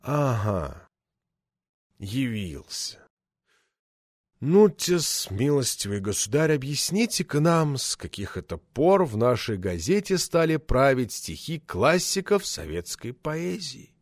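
A man playing an older party boss who speaks slowly and pompously with a breathy aspirated delivery, in an audiobook reading. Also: medium pitch, very animated, no room sound, studio quality, full character voice. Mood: pompous reproach.

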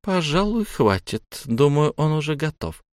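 A man voicing a ruthless young female assassin who speaks in a cool, menacing, measured way. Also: on the high side, very animated, dry recording, clean studio sound, pitched above the performer's own voice. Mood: cold menacing.

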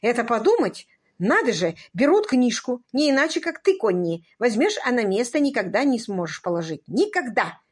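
A woman voicing a flustered, absent-minded elderly male earl who shouts and fusses excitedly. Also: on the high side, moderate pace, slightly rough. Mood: indignant.

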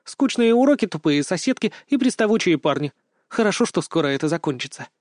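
A man voicing a lively, cheeky teenage granddaughter in an audiobook, with a bold, teasing way of talking. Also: sits high, fairly quick, no echo, clean studio sound, voice pushed up. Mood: sulky. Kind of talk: audiobook character voice.

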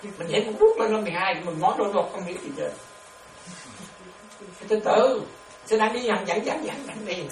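A woman's voice: medium pitch, moderate pace, pauses often. A woman giving a dharma talk as a Buddhist nun, laughing often and checking again and again that her listeners follow. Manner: lively, laughs often, keeps checking understanding with questions. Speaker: Buddhist nun teaching meditation. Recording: echoey room, distant mic, noisy.

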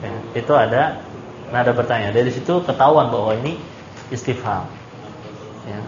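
A man's voice: medium pitch, normal speed, noisy background. A man teaching Arabic grammar in a classroom, quizzing his students and stressing points emphatically. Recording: echoey dull room recording.

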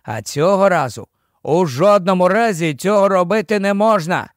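A man voicing a calm, commanding army captain who speaks to his young officer in a steady, patient, gently scolding way. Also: high-pitched, normal speed, dry recording, studio quality.

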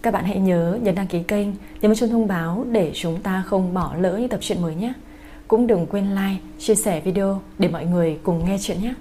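A woman hosting a night radio story channel, reading a novel aloud in a gentle, soft manner. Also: medium pitch, moderate pace, slight background noise. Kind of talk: scripted story narration.

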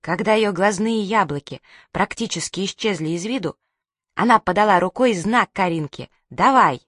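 A woman's voice: mid-range voice, moderate pace, dry recording. Woman reading an audiobook, dry sound. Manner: lively, expressive storytelling. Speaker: audiobook narrator. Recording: dry close studio sound.

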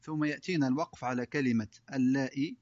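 A man teaching the rules of pausing in Quran recitation, reciting each example word slowly and then stating the rule quickly. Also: mid-range voice, darkish tone, no echo, muffled recording. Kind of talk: tajwid lesson with slow recited examples.

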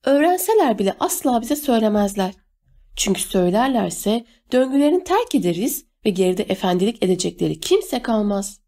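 A woman's voice: mid-range voice, sing-song, brisk, mellow. Woman voicing a sneering, scaled water-woman. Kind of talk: audiobook character voice.

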